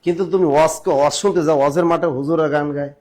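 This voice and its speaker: A man teaching grammar in a live online class, urging students to answer fast and joking between questions. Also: a little high, fairly even intonation, darkish tone. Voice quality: sings snatches of songs in class.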